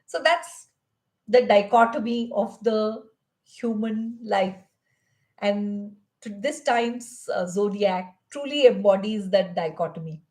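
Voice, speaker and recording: A woman's voice: medium pitch, slow, darkish tone. A woman giving a reflective spoken teaching on meditation, asking many rhetorical questions. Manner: reflective, asks rhetorical questions, mixes in Hindi phrases.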